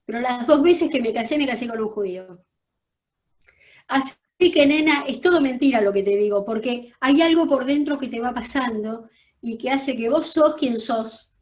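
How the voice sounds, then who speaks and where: An older woman with a Rioplatense accent tells her own story as an interview guest. She speaks in a fairly high voice, emphatic and animated, often restarting a phrase by repeating a word. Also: normal speed. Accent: Rioplatense Spanish. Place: her office.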